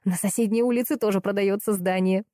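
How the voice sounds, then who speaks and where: A woman's voice: mid-range voice, fairly even intonation, fast talker, warm tone, no echo, studio quality, close to an everyday voice. A woman reading an audiobook, voicing a cheerful, boastful woman friend.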